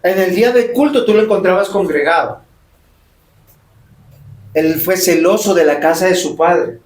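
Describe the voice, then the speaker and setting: A man's voice: high-pitched, moderate pace. A man preaching a sermon as pastor, emphatic and full of rhetorical questions. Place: church sanctuary. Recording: roomy church echo.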